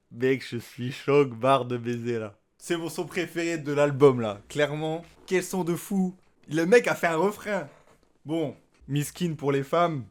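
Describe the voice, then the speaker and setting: Male streamer, somewhat high voice, casual hyped reactions full of slang. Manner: excitable, slangy, keeps repeating he is shocked. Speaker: streamer reacting to a rap album. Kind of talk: live reaction commentary.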